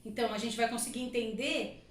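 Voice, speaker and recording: A woman with a high voice explains her work as a podcast guest, talking at length and looping in little asides. She sits back from the microphone in an echoey room with a faint hiss underneath. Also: steady tone, brisk. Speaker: guest body analyst. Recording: echoey room, mic at a distance, faint noise.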